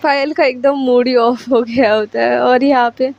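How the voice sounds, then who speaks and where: Brief: woman storyteller, casual and chatty, fairly high voice, dull lo-fi sound. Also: little pitch movement, moderate pace, creaky, a little mellow. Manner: chatty, mixes English words into her speech. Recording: lo-fi recording.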